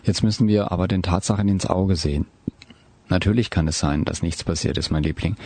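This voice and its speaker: A caring, soft-spoken man of about thirty, voiced by a male reader in an audiobook. His low voice stays calm and soothing throughout. It carries a husky grain and sits dry and close to the mic. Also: brisk, no echo. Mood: tender. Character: gentle, caring man around thirty, the older partner.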